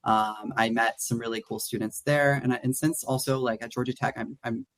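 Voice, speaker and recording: The recording is dry as a young Atlanta man chats in a casual interview, rambling with many restarts and "like" fillers. His mid-range voice is steady and a bit bright, moving a little fast.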